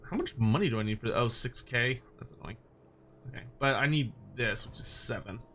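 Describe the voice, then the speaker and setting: A man's voice: mid-range voice, animated, fairly quick, sharp tone, slight background noise. A man giving casual, playful game commentary with wry asides, as a streamer talking to viewers. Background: music behind the voice.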